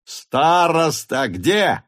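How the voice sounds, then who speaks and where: Brief: man voicing an enraged young hussar officer, commanding, barks out high, slow, drawn-out orders, audiobook. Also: close to an everyday voice. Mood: furious shouting. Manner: shouting, commanding.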